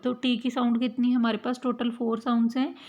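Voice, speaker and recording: A woman's voice: a little high, level tone, fairly quick, darkish tone, highs cut off. A woman teaching an English lesson, patient, asking and answering her own questions. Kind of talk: explaining a language lesson.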